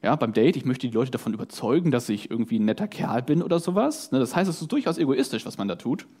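A man's voice: mid-range voice, fast talker, breathy edge. A man preaching a conversational sermon, often asking "ja?" and "ne?", and acting out short scenes in his examples. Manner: lively, conversational, acts out voices in his examples; tag questions "ja?" and "ne?".

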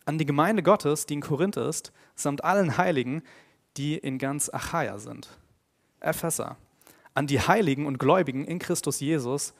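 A man preaching a sermon in an earnest tone, growing emphatic on his main points and dropping quiet and slow on key phrases. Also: fairly high pitch, creaky. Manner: earnest, grows emphatic and louder when stressing points.

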